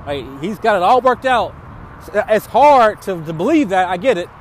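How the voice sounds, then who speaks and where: A man's voice: high voice, animated. Man talking over noisy, windy street. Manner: halting, repeats words and phrases. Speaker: podcaster sharing personal faith encouragement. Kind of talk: casual spoken reflection to listeners. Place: outdoors on a busy, windy city street. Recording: noisy outdoor audio with wind and traffic.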